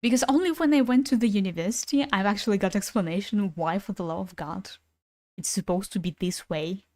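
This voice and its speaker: A young Ukrainian-native woman chats casually on a gaming stream, talking a little fast in a medium-pitched, slightly mellow voice. She swears offhandedly and laughs between thoughts, and the sound is dry and close with no room echo.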